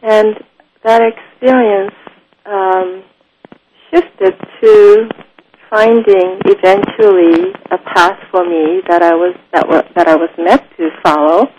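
A woman from Japan, a guest in an interview, speaking thoughtfully and pausing often. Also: medium pitch, steady tone, a little mellow, slight background noise, low-quality recording. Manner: slow, thoughtful, often pauses with ums. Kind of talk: unhurried spoken interview.

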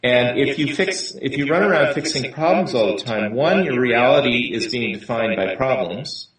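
A man's voice: medium pitch, expressive, normal speed, very echoey, recorded from a distance, rough recording. A man speaking in a conversational interview, explaining ideas and checking in with "right?" as he goes. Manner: frequently tags sentences with "right?".

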